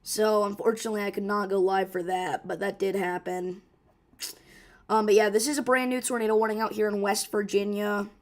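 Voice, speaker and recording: Fairly quick and flat in delivery, this severe weather livestream host's mid-range voice sounds hoarse and rough. Her urgent, informal talk is full of fillers and restarts.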